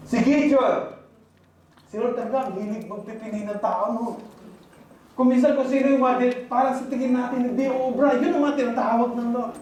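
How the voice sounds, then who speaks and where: A man's voice: sits high, darkish tone, slight background noise. A male pastor delivering a sermon, switching between Tagalog and English and acting out the words of God and Bible figures with sudden rises and drops. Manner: preaching in mixed Tagalog and English, voicing God and prophets dramatically. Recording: echoey hall from far off, faint ambience.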